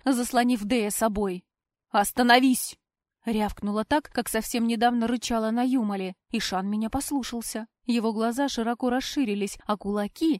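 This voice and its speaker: A woman narrating a first-person novel as an audiobook, reading emphatically and getting loud on the outcries. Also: on the high side, dry recording. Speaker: audiobook reader. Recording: dry close audiobook mic.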